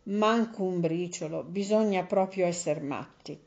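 A woman voicing a naive, chatty little mouse in a storybook, speaking in a slow, emphatic, exclaiming way. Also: fairly low pitch, gravelly, darkish tone, pitched below the performer's own voice. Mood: grumbling. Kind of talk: storybook reading. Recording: slightly dull lo-fi recording.

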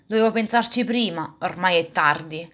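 A woman's voice: fairly low pitch, normal speed, a bit bright, natural voice. A woman voicing a poor, fretful old male woodcarver in a storybook reading, speaking in a grumbling, scolding way. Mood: rueful.

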